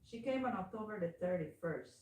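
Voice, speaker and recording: Recorded from a distant mic in an echoey room with a little hiss or hum, this middle-aged salon owner talks briskly in a mid-range voice with a strong Caribbean English accent. Chatting casually with a client as she works, she tells lively stories full of acted-out voices.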